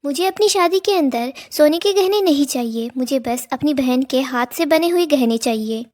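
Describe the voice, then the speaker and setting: A woman's voice: high voice, animated, normal speed, a little mellow, dry recording, studio quality. A woman reading the lines of an eager, affectionate young bride-to-be in a drama recap.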